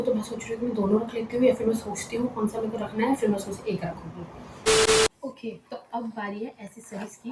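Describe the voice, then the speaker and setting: A young woman talks her way through her packing at home at night, musing aloud in a relaxed, chatty way. She often drops her voice to a hush, close to a whisper. The room rings with echo and a steady background noise sits under her. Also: medium pitch. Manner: chatty, thinking aloud, mixing in English words. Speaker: vlogger. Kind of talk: casual packing vlog chat.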